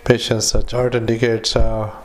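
A man dictating clinical notes as a doctor, in a halting, hesitant, matter-of-fact way with frequent pauses. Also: mid-range voice, level tone, slight background noise. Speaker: doctor dictating a psychiatric evaluation. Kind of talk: medical dictation with spoken formatting cues.

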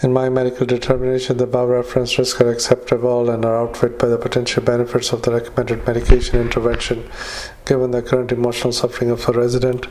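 A man dictating a patient note into a dictaphone, halting with many fillers and reading out punctuation and paragraph breaks. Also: medium pitch, monotone, a little mellow, a little hiss or hum, low-quality recording. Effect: dictaphone recording. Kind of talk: medical dictation into a recorder.

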